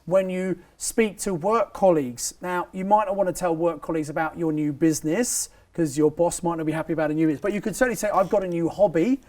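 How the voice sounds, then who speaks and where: A man's voice: fairly high pitch, quick pace, few pauses, a little mellow. A man hosting a property training interview, emphatic and repeating his key phrases as he coaches the audience.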